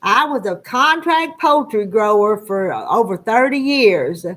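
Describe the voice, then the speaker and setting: A woman's voice: fairly high pitch, very animated, unhurried, fairly bright tone. A woman in her sixties with a rural Southern Ozark country accent, chatting casually to live viewers as host in a folksy, rambling, homespun way. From Arkansas Ozarks foothills, United States. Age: 60s. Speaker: livestream host.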